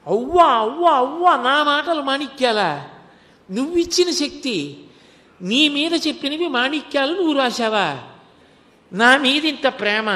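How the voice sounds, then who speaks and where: A man's voice: very high voice, sharp tone, in a large hall, voice pushed up, exaggerated voice. A man voicing an elderly male saint poet who cries out in ecstatic devotion during a storytelling sermon. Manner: ecstatic, crying out.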